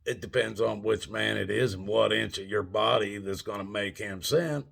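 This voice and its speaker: An older man rants to his viewers in back-in-my-day fashion. His voice is lowish, husky and full of gravel. He takes his time, speaking haltingly in folksy, plain words. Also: fairly bright tone. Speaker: video channel host. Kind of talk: old man's back-in-my-day rant; informal monologue to viewers.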